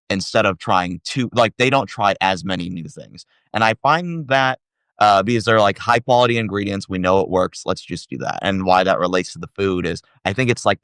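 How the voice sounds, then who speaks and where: A man's voice: low voice, gravelly, a bit bright, clean tone, dry recording, studio quality. A man chatting casually about his travels, rambling and hedging with lots of fillers as he thinks aloud. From United States. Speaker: traveler sharing impressions. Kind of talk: casual conversational chat.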